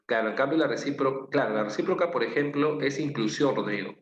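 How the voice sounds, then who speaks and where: A man's voice: mid-range voice, quick pace. Peruvian male teacher repeating key phrases. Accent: Peruvian Spanish. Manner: explains patiently, repeats key phrases, checks in with "¿ok?". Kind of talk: online class lecture. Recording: roomy, slightly dull with faint noise.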